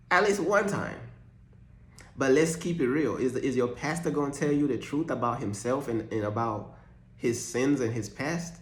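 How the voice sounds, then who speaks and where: A young Ugandan man rambles through a casual faith vlog, his slangy talk blending jokes and preaching. His voice is slightly high for a man, and the room echoes around him.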